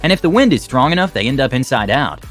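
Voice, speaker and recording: A man's voice: mid-range voice, big pitch swings, quick pace. A man reading scripted narration for a video compilation in an explanatory, lightly wry way. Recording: background music under voice. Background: music.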